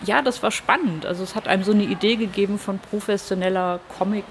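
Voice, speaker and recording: A woman's voice: medium pitch, quick pace, a little hiss or hum. A woman from Hamburg, a comic artist, telling her story in an interview in a reflective way with hesitant fillers. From Hamburg, Germany.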